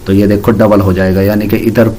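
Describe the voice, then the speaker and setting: A man's voice: fairly low pitch, level tone, fairly quick, mellow. A man teaching an English grammar lesson, patiently explaining rules and spelling words out letter by letter.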